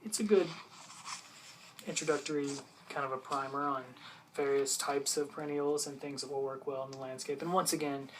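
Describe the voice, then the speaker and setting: A person doing an ASMR role-play as a patient, bookish librarian, softly and hesitantly explaining books to a visitor in a unhurried library soft voice. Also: medium pitch, fairly even intonation, noisy background. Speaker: librarian showing gardening books.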